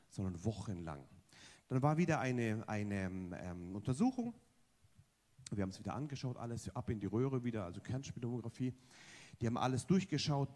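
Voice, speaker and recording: A man preaching a sermon testimony in a church service, emphatic, with repeated phrases and sharp rising and falling contrasts. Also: medium pitch. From Germany.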